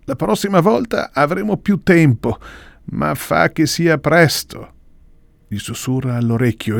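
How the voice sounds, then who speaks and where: A man reading a literary passage aloud with a lively pitch, slowing on key phrases. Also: no room sound. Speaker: reader.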